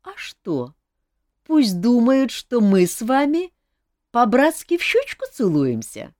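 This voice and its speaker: A woman's voice: sits high, big pitch swings, unhurried, darkish tone, dry recording, studio quality, pitched above the performer's own voice. A woman voicing a cheeky, teasing young woman who talks in a playful, wheedling way.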